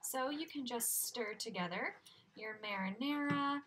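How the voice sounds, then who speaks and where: A young woman presents a cheerful, laid-back cooking lesson in a small home kitchen, roaming around while she talks. Her voice is fairly high and her pace measured. The sound, recorded through a laptop webcam at a distance, includes loud cooking noise and clicks.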